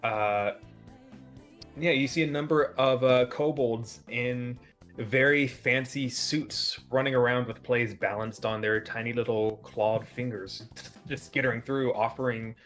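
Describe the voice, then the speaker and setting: A man narrating a tabletop role-playing game as game master, describing scenes in a relaxed way with frequent fillers. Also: mid-range voice, unhurried, soft background music.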